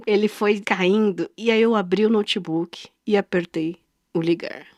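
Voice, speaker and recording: Animated Brazilian woman telling a story. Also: mid-range voice, a little slow, dry recording. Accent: Brazilian Portuguese. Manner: animated, acts out quoted dialogue, laughs often. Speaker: podcast co-host. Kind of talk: casual storytelling chat.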